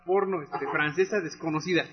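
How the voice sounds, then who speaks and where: High-voiced joking Mexican man. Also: a little fast, crowd noise. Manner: anecdotal, joking. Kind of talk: casual banter. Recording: muffled lo-fi radio audio.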